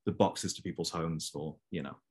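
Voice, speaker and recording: Young male guest, low voice, rambling easy chat, video call. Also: normal speed, a little mellow, husky. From Belgium. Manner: chatty, many fillers. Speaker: interview guest. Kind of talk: casual conversation.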